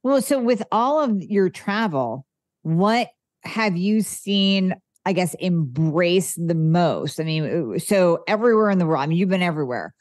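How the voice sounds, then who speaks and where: A woman's voice: fairly low pitch, lively intonation, measured pace, a little mellow, no echo, clean studio sound. A woman hosting an interview, listening with short affirmations and asking long, searching questions. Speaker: podcast host. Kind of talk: casual interview chat.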